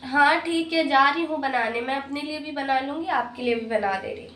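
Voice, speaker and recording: A woman's voice: sits high, normal speed, sharp tone, a little hiss or hum. A woman playing a harried mother and daughter-in-law in a comic family skit, grumbling about chores. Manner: grumbling, fussing over chores.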